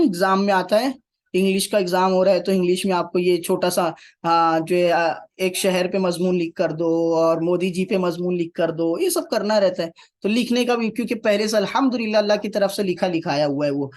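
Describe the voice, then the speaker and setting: A man teaching Quranic Arabic, repeating key phrases and putting rhetorical questions to his class. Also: sits high. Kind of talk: classroom lecture.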